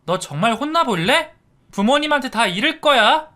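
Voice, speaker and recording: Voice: medium pitch, expressive, moderate pace, bright, forceful tone, pitched above the performer's own voice. A man voicing a prim, well-behaved girl scolding her younger brother in a narrated story. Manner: scolding, bossy.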